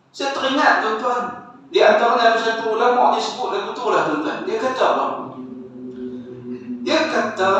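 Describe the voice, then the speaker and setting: Male preacher, high voice, rhetorical mosque sermon, recorded from afar. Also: a bit bright. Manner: addresses audience repeatedly, asks rhetorical questions. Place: mosque hall. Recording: echoey hall, distant and dull mic.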